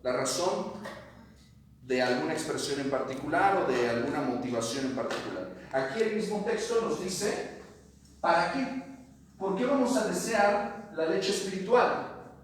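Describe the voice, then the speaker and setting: Brief: male Bible teacher, high voice, quizzing the class, echoey room, mic well off. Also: lively intonation, a little slow, far from the mic, slight background noise. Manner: asks the class questions, reads verses aloud. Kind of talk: Bible study lesson.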